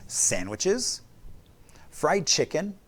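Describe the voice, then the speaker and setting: A man's voice: a little high, sing-song, very slow. Easygoing man co-hosting a morning show. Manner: easygoing, rambling, jokey. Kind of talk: casual chat.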